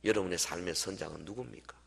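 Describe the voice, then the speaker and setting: A man's voice: deep voice, fast, vocal fry, a bit bright, slightly rough. A man preaching a sermon as pastor, with dramatic swells and acted quotes. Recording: long hall reverb.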